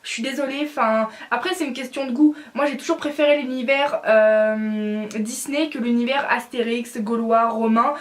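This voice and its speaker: A woman's voice: fairly high pitch, normal speed, hardly any pauses. A young woman in a casual opinion vlog, talking bluntly and with feeling, with many fillers. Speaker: vlogger.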